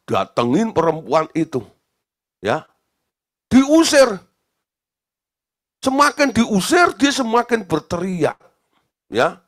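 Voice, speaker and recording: A male pastor delivering a sermon, animated, asking the congregation questions and acting out the voices of the people in his story. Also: high-pitched, a little slow.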